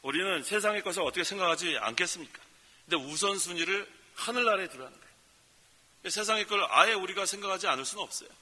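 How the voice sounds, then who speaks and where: A male pastor preaching in an emphatic, folksy way, with sudden loud exclamations. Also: sits high, lively intonation, quick pace, big-room sound. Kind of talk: sermon. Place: prayer retreat center hall.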